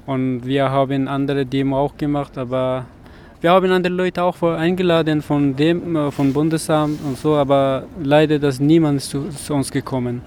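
A man's voice: fairly high pitch, flat delivery, moderate pace, a little mellow. A man from Afghanistan, a protester speaking hesitant, broken German with many fillers. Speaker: asylum-seeking protester. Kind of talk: street interview. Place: outdoors in a city street. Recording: faint traffic noise outdoors.

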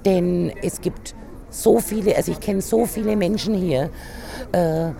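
Emphatic woman, union committee member, mellow tone, stops to find words. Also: fairly low pitch, vocal fry. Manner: emphatic, pauses to search for words. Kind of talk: interview clip.

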